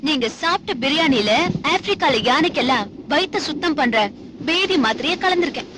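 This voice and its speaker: An actress playing a young woman who seems sweet and apologetic but calmly carries out a revenge plan, with background noise behind her. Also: high-pitched, a little fast. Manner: soft and apologetic, calmly sly. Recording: film soundtrack with background noise.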